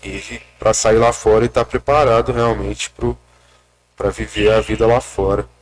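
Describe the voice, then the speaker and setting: A young man, speaking hesitantly with many restarts and pauses while recounting his story in an interview at a rural rehab center. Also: on the low side, steady tone, a little hiss or hum. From Minas Gerais, Brazil. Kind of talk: casual personal account.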